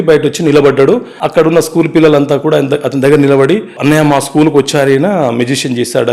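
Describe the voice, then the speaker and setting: A man, an advocate telling his life story in an interview, earnest and brisk, mixing in English words. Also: fairly high pitch, a little mellow.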